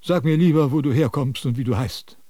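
Give me an actor playing a pompous, preachy sage in a radio drama, mellow and dry. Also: male voice, medium pitch, a little fast, no room sound, natural voice. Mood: lecturing. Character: self-important male sage, lecturing, fussy.

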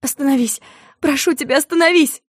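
A frightened young woman begs again and again in a high, shrill, tearful voice that climbs sharply, voiced by a woman reader. The sound is dry and close. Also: quick pace, dry recording, natural voice. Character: frightened young woman begging a driver to stop.

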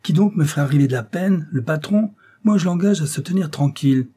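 A sneering young gutter rascal jeers in a cocky, defiant tone, put on by a male audiobook reader. The voice sits high and loud for the reader. Its tone is soft and slightly husky. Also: expressive, a little fast. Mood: mocking, defiant. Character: insolent young male Parisian street rascal, mocking. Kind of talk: audiobook character reading.

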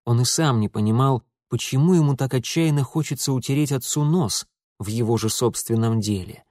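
A medium-pitched man reads a scripted audiobook narration in an even, measured way. The audio is studio quality with no room sound.

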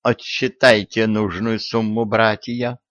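A man voicing an elderly patriarch who speaks slowly in a measured, fatherly manner. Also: fairly low pitch, level tone, a bit bright, no room sound. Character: elderly male patriarch, calm, dignified, shrewd. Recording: dry, dull lo-fi audio.

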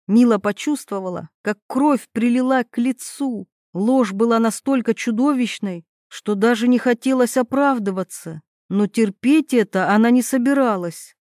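A woman's voice: fairly high pitch, moderate pace, hardly any pauses, darkish tone, no room sound, clean studio sound. A woman narrating a dramatic story as an audiobook reader.

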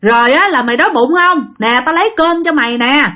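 A frantic grown man yells and pleads in a high, swooping Southern Vietnamese voice, as a woman storyteller puts him on. His calls climb and scold in turns, loud and urgent. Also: expressive, fast talker. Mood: coaxing. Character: worried, shouting grown man calling a friend.

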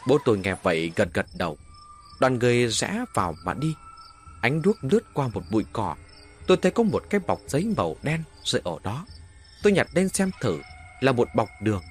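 A man's voice: medium pitch, very animated, fairly quick, soft background music. A man telling a first-person horror story as an audiobook narrator, with dramatic, varied delivery.

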